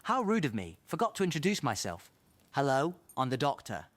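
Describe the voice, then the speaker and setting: A man playing an excitable, eccentric time traveller in a fan audio drama, rambling theatrically to himself. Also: mid-range voice, fairly quick, no room sound. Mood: breezy. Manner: theatrical, rambling self-talk.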